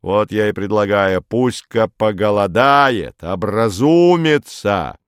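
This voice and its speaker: A man voicing a crude, loud male bureaucrat who blusters coarsely. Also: fairly low pitch, expressive, slow, clear, resonant tone, dry recording, clean studio sound. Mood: blustering.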